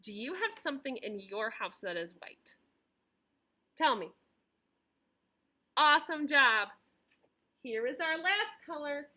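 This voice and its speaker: A woman teaching young children as if reading to a toddler, encouraging them in simple phrases, stressing key words and pausing for replies. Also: high-pitched, big pitch swings, bright, forceful tone. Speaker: preschool teacher.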